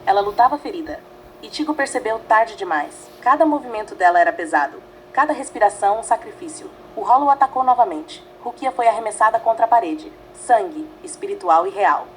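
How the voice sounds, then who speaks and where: A woman narrates a fan-written story in short, weighty phrases. Her voice sits a little high, and the reading stays measured and dramatic throughout. A faint ambient hum runs underneath. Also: lively intonation, rough recording. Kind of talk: scripted fanfiction narration.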